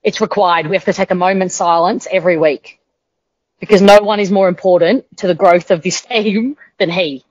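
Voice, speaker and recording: A woman's voice: lowish voice, fairly even intonation, moderate pace, a little mellow, no echo. A woman with an Australian accent co-hosting a casual football podcast, confident and emphatic in her opinions, on a dull, dry lo-fi recording. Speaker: podcast co-host.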